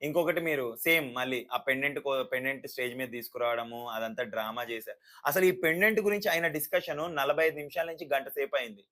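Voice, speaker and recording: A man giving a casual, sarcastic review of a reality show, animated and mocking. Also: mid-range voice, fast. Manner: sarcastic, animated, mimics people.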